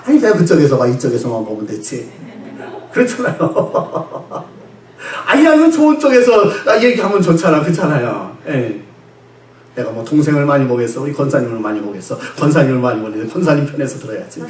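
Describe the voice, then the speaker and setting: A male pastor delivering a Sunday sermon, animated and laughing, who asks the congregation questions and answers them himself. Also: mid-range voice, a little fast. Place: church sanctuary. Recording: echoey church sanctuary, distant mic.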